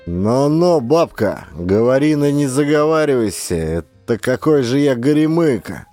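A man voicing a cocky, blunt young man in an audiobook, gruff and mocking. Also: mid-range voice, sing-song, measured pace, mellow, no echo, soft background music. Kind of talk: audiobook character voice.

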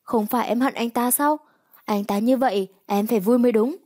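A woman's voice: fairly high pitch, brisk, a little mellow, lightly acted. A woman voicing a jealous, hurt young man who speaks in a bitter, scornful way.

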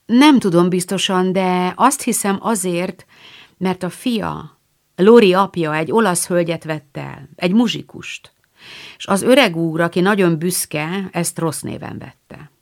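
A woman reading the lines of a gentle, wise mother in an audiobook. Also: fairly low pitch, close to an everyday voice. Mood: calm.

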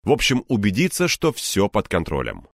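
A man narrating an audiobook in the first person, expressive and acting out the tension. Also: fairly low pitch, normal speed, creaky, no room sound, studio quality.

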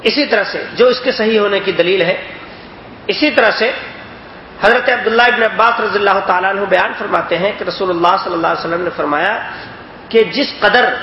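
A man teaching a religious lesson, explaining points and asking his listeners if they understood. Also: sits high. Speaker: hadith teacher. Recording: echoey, dull lo-fi recording with faint noise.

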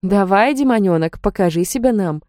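A woman's voice: medium pitch, expressive, moderate pace, warm tone, dry recording, studio quality, close to an everyday voice. A woman voicing a cold, scornful female archangel commander who talks in a mocking, condescending way, read as an audiobook character.

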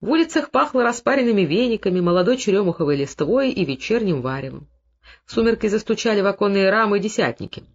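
A narrator reading a novel aloud in a measured, steady literary manner. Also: mid-range voice, dull audio. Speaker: audiobook narrator.

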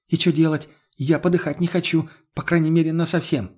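A man reading an audiobook and voicing a defiant, foul-mouthed young woman with sharp, swearing retorts and a husky voice. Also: a little high, flat delivery, a little fast, pitched above the performer's own voice. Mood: snappy.

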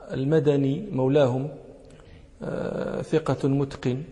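A man's voice: mid-range voice, gravelly, warm tone. A man teaching a classroom lesson, explaining a text, repeating key phrases and checking that listeners follow. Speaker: sheikh teaching hadith. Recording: long hall reverb.

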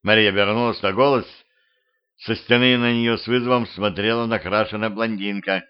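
A man reading a humorous mystical audiobook, lively with his characters. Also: fairly low pitch, normal speed, clean tone. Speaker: audiobook reader. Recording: slightly muffled home recording.

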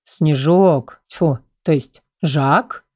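Woman reading a stern young king in an audiobook: lowered pitch, measured and gruff, dry sound. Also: a little mellow, dry recording, heavily acted. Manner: low, measured and frowning.

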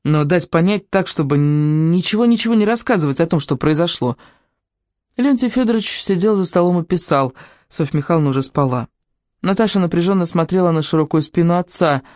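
Calm storybook narrator, dry sound. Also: medium pitch, a little fast, no room sound. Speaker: audiobook narrator. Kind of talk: scripted narration.

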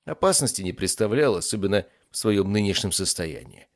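A man narrating a fantasy story in a calm, even storytelling manner. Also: on the low side, fairly quick, no echo, studio quality. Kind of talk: audiobook narration.

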